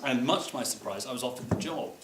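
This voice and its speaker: A man's voice: mid-range voice, quick pace. A man giving an anecdotal memorial speech at a reception, wry and often laughing as he digresses. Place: museum reception room. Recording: echoey room with background noise.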